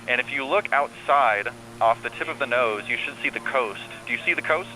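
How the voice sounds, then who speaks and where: A man working as an air traffic controller on the radio, calmly giving reassuring step-by-step instructions. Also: medium pitch, a little fast. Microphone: radio transmission. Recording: air traffic radio with faint hum and noise.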